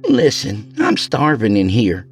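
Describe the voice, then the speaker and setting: A man's voice: lowish voice, huge pitch swings, a little slow, slightly rough, soft background music, pitched above the performer's own voice, full character voice. A man voicing a blunt, food-obsessed young woman in jail who gripes and wheedles. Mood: wheedling. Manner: complaining, wheedling.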